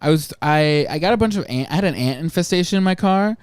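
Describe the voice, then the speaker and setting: A man chatting casually on a podcast, a halting, hesitant storyteller. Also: a little high, animated, clean tone, no room sound. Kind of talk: casual chat.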